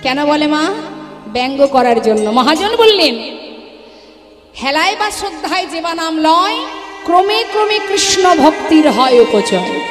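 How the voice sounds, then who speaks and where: A woman's voice: high-pitched, lively intonation, unhurried. A woman kirtan singer who chants devotional refrains and then preaches to a live gathering, calling her listeners baba and ma. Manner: scolds chatting audience. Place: live religious gathering with seats for the audience. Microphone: through a sound system. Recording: echoey hall with long reverb, music behind.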